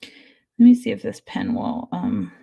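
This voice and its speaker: A woman hosting a casual rock painting livestream, sniffling from allergies and chatting as she paints, sometimes dropping to soft murmurs. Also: mid-range voice, wildly swooping pitch, unhurried, creaky, husky. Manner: chatty, talks through her painting, drops to soft murmurs. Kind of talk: casual chat while painting.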